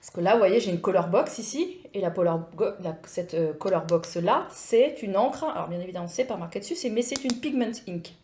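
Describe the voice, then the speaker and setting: A woman's voice: medium pitch, animated, brisk, hardly any pauses, darkish tone, a little hiss or hum. A woman hosting a craft tutorial, explaining products in a chatty way with many hesitations and restarts. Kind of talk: explaining a scrapbooking product review.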